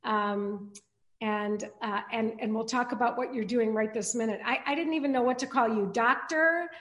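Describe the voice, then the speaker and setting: A woman pastor hosting a podcast interview, speaking in a halting way with many fillers and restarts. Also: fairly high pitch, fairly bright tone. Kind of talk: casual interview chat.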